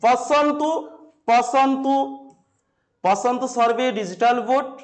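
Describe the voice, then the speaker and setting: A man teaching a class to camera, asking questions and answering them himself, and repeating key terms slowly. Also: extremely high pitch. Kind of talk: classroom-style lesson to camera.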